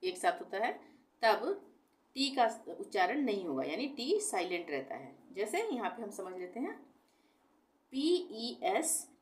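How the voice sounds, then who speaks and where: Patient woman teacher spelling words slowly. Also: medium pitch. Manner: spells words letter by letter slowly, then repeats the reading; asks the class questions and answers them herself. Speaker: English pronunciation teacher. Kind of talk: explaining a lesson step by step.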